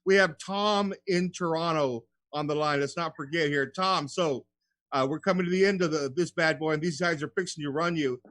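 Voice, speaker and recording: A man's voice: fairly high pitch, normal speed, fairly bright tone. A man hosting a radio show in casual, slangy, buddy-like chat, often calling people bro.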